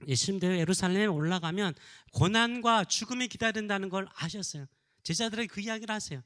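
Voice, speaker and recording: A man's voice: sits high, sharp tone. A middle-aged male pastor preaching a fervent sermon, repeating his exhortations and calls to believe.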